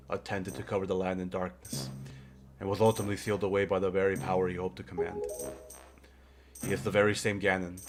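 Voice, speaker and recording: A man voicing a wise old talking boat from a video game, a solemn, kingly guide with a grave, formal manner. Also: low voice. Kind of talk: video game character read-aloud.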